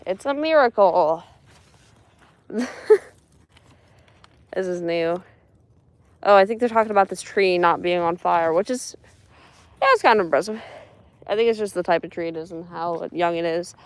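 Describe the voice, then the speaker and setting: A woman's voice: on the low side, moderate pace, pauses often, no echo. Sarcastic woman vlogging outdoors. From Spokane, US. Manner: dry sarcastic asides, talks to herself while searching. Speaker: vlogger exploring a burned cemetery. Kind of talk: casual vlog narration while walking. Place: outdoors in a smoky burned forest cemetery.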